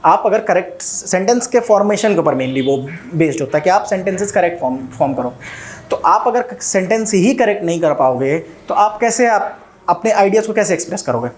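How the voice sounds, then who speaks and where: A man's voice: high voice, expressive, fairly quick, a little hiss or hum. Hindi-English mixing Indian male teacher. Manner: explains in Hindi mixed with English, checks in with "ठीक है?". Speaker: coaching teacher. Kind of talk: recorded video lecture.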